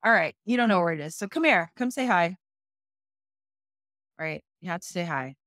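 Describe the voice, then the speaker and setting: A woman's voice: fairly low pitch, animated, normal speed, a bit bright, dry recording. Chatty woman coach, dry sound. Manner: chatty, keeps checking in with viewers; reacts to viewer comments aloud. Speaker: business coach. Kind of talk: live online web class.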